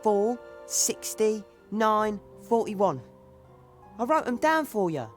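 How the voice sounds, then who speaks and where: An actress playing an eager, helpful young sidekick. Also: female voice, mid-range voice, very animated, takes it slowly. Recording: game audio with faint music.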